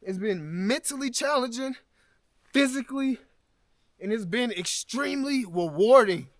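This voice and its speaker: A man's voice: very high voice, expressive, a little slow. A man from Alabama, vlogging a solo hike outdoors in the snowy mountains, emotional and thankful as he talks to his viewers. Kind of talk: solo hiking vlog.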